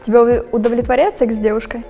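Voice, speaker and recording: A woman's voice: on the high side, level tone, fast, gravelly, mellow, in a large hall, soft background music. A frank, chatty nineteen-year-old woman asking her blind dates questions and rating them. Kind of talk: casual chat.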